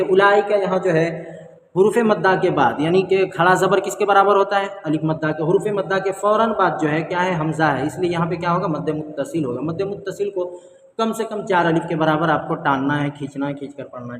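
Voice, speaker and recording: A man teaching the rules of Quran reading, explaining step by step, asking and answering his own questions, and chanting the verses slowly. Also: fairly high pitch, roomy sound, big-room sound, slight background noise.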